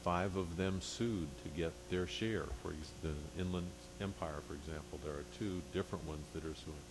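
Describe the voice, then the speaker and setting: A man giving a formal explanatory report to a board, phrasing things carefully and haltingly. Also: low-pitched. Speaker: agency official reporting to a board. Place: public board meeting room. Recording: noisy meeting room with hum.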